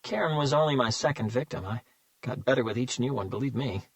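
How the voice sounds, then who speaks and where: In an audiobook reading, a man with a medium-pitched voice plays a smug male serial killer, lightly acted and free of echo. He mocks and taunts, drawing his words out slowly as if savoring each one.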